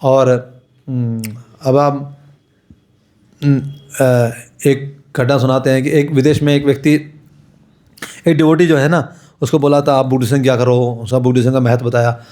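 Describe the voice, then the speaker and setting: A man, a monk, telling stories in a lively way and acting out the quoted lines. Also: medium pitch, measured pace, pauses often. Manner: animated storyteller who acts out quotes. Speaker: monk and speaker. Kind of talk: storytelling talk.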